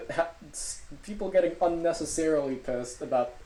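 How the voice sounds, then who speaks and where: A co-host rambles through casual comedy podcast banter, hesitant and full of filler words. The voice is dark and mellow, and it sits in a roomy, echoing space on a makeshift mic. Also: mid-range voice, moderate pace. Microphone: makeshift microphone, not the usual one.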